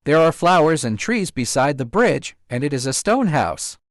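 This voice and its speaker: A bold young stone monkey, proud and joyful, crying out his words to the troop, as a male reader puts him on. The voice swings lively in pitch and sits a little high. It is recorded dry, with no room around it. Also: normal speed, no echo. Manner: exclaims in repeated short cries.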